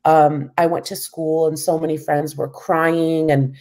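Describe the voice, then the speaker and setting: A woman's voice: sits low, little pitch movement, unhurried, a little mellow. A woman from the United States in her thirties, a professor answering interview questions in a thoughtful, candid way with many "you know"s. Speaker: guest, professor.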